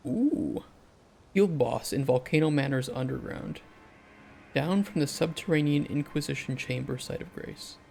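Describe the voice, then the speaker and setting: A man with a raspy voice giving casual gameplay commentary and chatting with viewers as he searches, muttering and swearing now and then. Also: medium pitch, a little mellow, a little hiss or hum. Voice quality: raspy, gravelly. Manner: mutters and swears while searching, rambling chat. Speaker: game streamer and indie developer.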